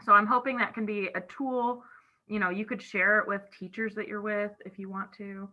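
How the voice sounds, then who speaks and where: A woman's voice: mid-range voice, fairly even intonation, moderate pace. A woman chapter officer leading an online meeting in a chatty way, talking around a cough drop in her mouth. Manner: chatty, many "I feel like" asides. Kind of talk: casual online meeting talk. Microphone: video call. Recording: dull lo-fi call audio.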